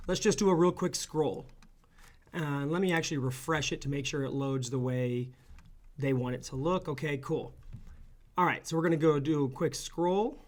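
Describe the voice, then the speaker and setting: An ecommerce consultant guides viewers through a screen-share tutorial, energetic and chatty, checking in with "okay?" and "right?" after each point. His voice is on the high side.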